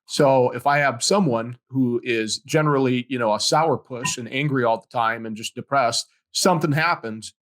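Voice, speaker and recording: A man's voice: mid-range voice, normal speed, hardly any pauses, a bit bright. A man hosting an interview podcast, telling stories in a casual way, acting out quoted conversations and laughing often. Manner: storytelling, acts out quoted dialogue, laughs often. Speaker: podcast host.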